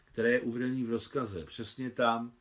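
A man reading the part of a fatherly older army officer who is a keen photographer, in a hearty, brisk manner. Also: medium pitch, fairly even intonation, lightly acted. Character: older male officer, kindly veteran photographer.

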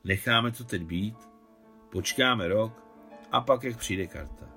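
Soft-spoken wealthy benefactress, voiced by a man reading a novel, low and measured. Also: faint music behind. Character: gentle wealthy woman benefactor.

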